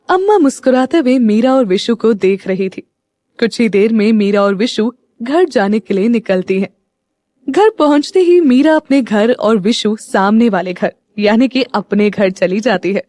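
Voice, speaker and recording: A woman narrating an audio story in a steady, even storytelling manner. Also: fairly high pitch, measured pace, no echo, studio quality.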